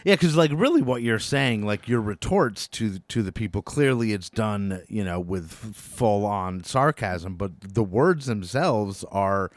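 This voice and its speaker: A man from the United States hosting a casual interview, laid-back and quick to laugh, filling his speech with "like" and "you know". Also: lowish voice, expressive, dry recording. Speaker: podcast host.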